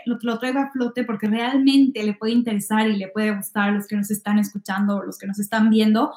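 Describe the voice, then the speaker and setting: A woman's voice: a little high, a little mellow. A woman hosting an interview, encouraging her guest and inviting him to talk. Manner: encouraging, short backchannels. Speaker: host. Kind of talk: casual interview. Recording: echoey room.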